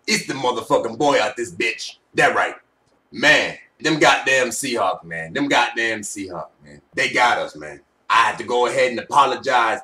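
A man voicing a gruff, apologetic sports fan with a throaty smoker's rasp, drawling and exaggerated, in a home video. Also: mid-range voice, lively intonation, moderate pace, pushed and bright. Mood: mock regret. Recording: home webcam, slightly distant mic.

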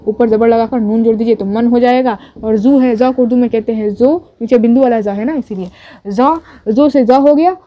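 Her voice a little high, a woman teaching writing goes over each step patiently and slowly, repeating it and making sure her students are with her. The audio is dull and lo-fi, without echo.

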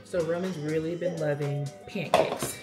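A woman's voice: low voice, steady tone, normal speed. A woman in her thirties, a mother vlogging, talking in an upbeat, chatty way straight to her viewers. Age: 30s. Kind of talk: casual vlog chat. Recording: background music. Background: music playing under the talk.

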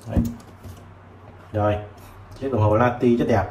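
A man selling used tools who chats casually while showing old multimeters, filling pauses with short words. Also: lowish voice, fairly even intonation, darkish tone. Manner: chatty, fills with "đấy" and "rồi". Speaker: used tool seller. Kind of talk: casual product demo. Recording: roomy with faint background noise.

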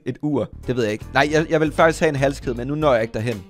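A young man talks casually and playfully to his audience, wandering off topic and joking at his own expense. His voice sits in the middle of the male range, and soft music plays under it. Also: medium pitch. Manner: playful, rambling, self-mocking. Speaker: gaming YouTuber. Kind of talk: casual commentary to viewers.

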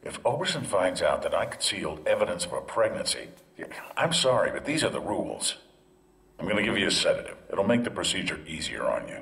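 Deep-voiced, clinical male doctor. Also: big pitch swings, creaky, fairly bright tone, exaggerated voice. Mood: firm, regretful. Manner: measured, clinical, formal. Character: stern, regretful male doctor bound by rules. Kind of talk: video game voice acting.

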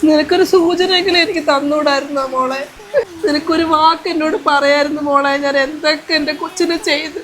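A woman's voice: high voice, fairly even intonation, brisk, a bit bright, slight background noise. A woman playing a weeping remorseful mother-in-law. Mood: tearful pleading. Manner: tearful, pleading. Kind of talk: amateur short-video drama. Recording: music playing behind voice.

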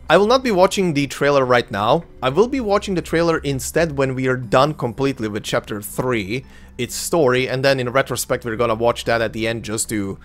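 In a mid-range, slightly bright voice, a man in his thirties whose first language is Croatian gives chatty, rambling commentary on a let's play. He self-corrects and fills pauses constantly, with faint game music in the background.

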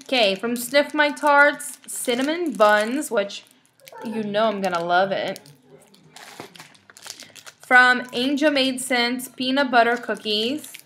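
A woman's voice: a little high, slow, bright, forceful tone, a little hiss or hum. A young woman casually chatting to viewers in a rambling, bubbly way while reading out product names one by one. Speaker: vlogger showing wax melts. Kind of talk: casual chatty haul vlog.

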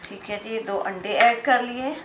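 A woman's voice: on the high side, unhurried. A woman hosting a cooking channel, chatting viewers through a recipe step by step in her home kitchen, with oil frying in a pan behind her. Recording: roomy kitchen echo, faint background noise.

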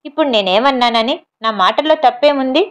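A woman's voice: sits high, fairly quick, clear, resonant tone, lightly acted. Woman doing a timid bumbling village sidekick. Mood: timid pleading. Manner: pleading, timid.

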